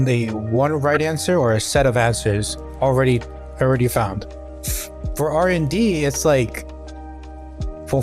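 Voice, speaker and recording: A man's voice: medium pitch, a little mellow. A man in casual podcast chat, explaining at length with many fillers. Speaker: podcast co-host.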